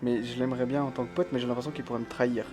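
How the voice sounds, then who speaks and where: A man's voice: medium pitch, flat delivery, very fast, music in the background. A male streamer who keeps his voice down, chatting casually as he plays a game and reads the chat, laughing often. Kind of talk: casual let's-play chat. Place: home room with thin walls.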